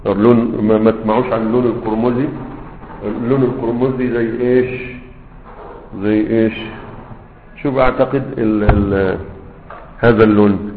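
A man's voice: on the low side, a little hiss or hum. A man teaching Arabic morphology to students with an Egyptian accent, talking in a loose, conversational way and often checking that they follow. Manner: conversational teacher, frequent fillers and checks for understanding. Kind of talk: classroom lesson. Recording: echoey hall, tinny phone-like sound.

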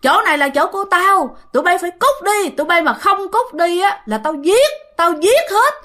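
A woman's voice: extremely high pitch, lively intonation, moderate pace, pitched above the performer's own voice, full character voice. A woman telling a ghost story voices an angry male ghost who curses and threatens. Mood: threatening. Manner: shouting, cursing, menacing.

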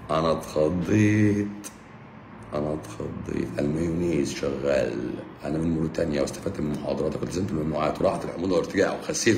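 Deep-voiced, fast-talking Egyptian man. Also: a bit bright. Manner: joking, teasing, brisk. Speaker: doctor answering viewers live. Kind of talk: casual live-stream Q&A reading comments. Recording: roomy echo, faint background hum.

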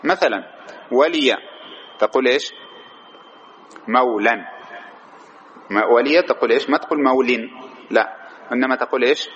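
A man gives a grammar lesson in a mid-pitched voice, often putting a question to his students and repeating their answers. He stretches key words as he explains. A faint noise hums behind him. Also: moderate pace, long pauses, fairly bright tone, highs cut off. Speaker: teacher of Arabic morphology. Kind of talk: classroom lecture with questions to students.

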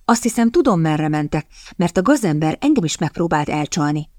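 A woman reading the lines of a determined, quick-witted young lady in an audiobook, in an earnest way. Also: low-pitched, lively intonation, darkish tone, no room sound, studio quality.

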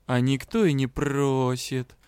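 A man's voice: medium pitch, steady tone, slow, darkish tone, clean tone, no echo, close to an everyday voice. A man voicing a flirtatious male dragon spirit in a cat's body, drawling and purring. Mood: flirty.

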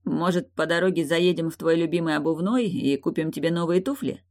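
A woman's voice: low-pitched, a little fast, darkish tone, natural voice. A woman voicing a wary young prince who tries to placate his wife in an audiobook. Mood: sheepish. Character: young prince, sheepish henpecked husband.

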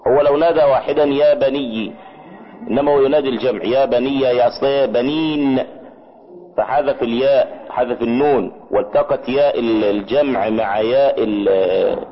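A man's voice: medium pitch, dull audio. Egyptian man teaching Arabic grammar. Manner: explains patiently, checks understanding with quick questions to students. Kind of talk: classroom grammar lesson.

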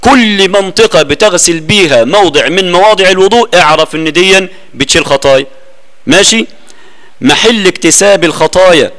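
A man's voice: high voice, fairly quick, fairly bright tone. A man with an Egyptian accent, a sheikh giving a religious lesson, explaining with rhetorical questions. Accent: Egyptian Arabic.

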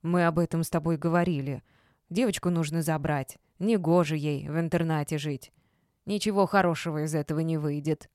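A stern yet doting older grandmother, voiced by a female audiobook narrator. Her voice is low and mellow, strict in reproach and soft when soothing. It is recorded close and dry. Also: steady tone, brisk, no room sound, close to an everyday voice. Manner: stern scolding, softening to cooing. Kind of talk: audiobook character voice.

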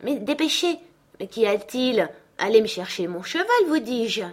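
A woman reader voicing a spoiled, haughty young girl who is quick to tears, speaking imperiously. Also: medium pitch, pitched above the performer's own voice, close to an everyday voice. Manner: imperious, indignant. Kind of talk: audiobook character voice.

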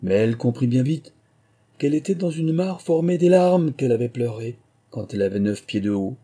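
A man narrating a children's storybook in a measured, expressive way. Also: mid-range voice. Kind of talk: storybook reading.

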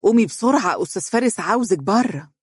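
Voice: mid-range voice, expressive, a little mellow, dry recording, clean studio sound, voice pushed up, lightly acted. Narrator voicing a nagging Egyptian mother. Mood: pleading. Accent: Egyptian Arabic. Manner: urgent, nagging, rapid. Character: fussy middle-aged mother, pleading.

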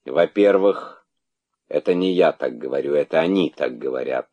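A man voicing a mother monkey who talks in a stern, measured way. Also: very deep voice, lo-fi sound. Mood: weary.

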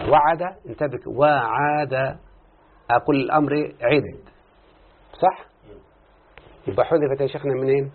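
A man's voice: medium pitch, creaky, breathy edge. A man with an Egyptian accent teaching a lesson as a sheikh, who keeps asking his students questions, answers them himself and switches between classical and colloquial speech. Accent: Egyptian Arabic. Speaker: sheikh teaching Arabic morphology. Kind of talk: recorded lesson. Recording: tinny phone-like lo-fi audio.

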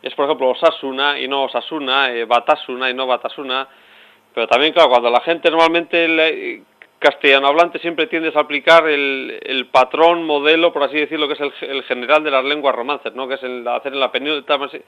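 Fast-talking man explaining on local radio. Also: medium pitch, steady tone, a bit bright, clear, resonant tone. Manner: explanatory, rambling with restarts. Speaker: radio guest. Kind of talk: radio interview. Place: radio studio. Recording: dull lo-fi radio audio.

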